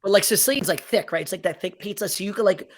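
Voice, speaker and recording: A man's voice: sits high, quick pace. Podcast guest, man, easygoing, rambly, jokey. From New Jersey. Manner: rambling, playful exaggeration. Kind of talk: casual chat.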